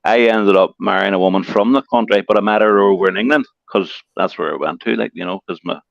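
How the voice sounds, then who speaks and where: A man with a Belfast accent who talks quickly, slurs his words and leans on heavy slang while chatting as a guest on a livestream call. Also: on the low side, gravelly, no echo. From Northern Ireland. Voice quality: fast slurred speech with heavy slang. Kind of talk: casual chat. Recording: dull, dry lo-fi call audio.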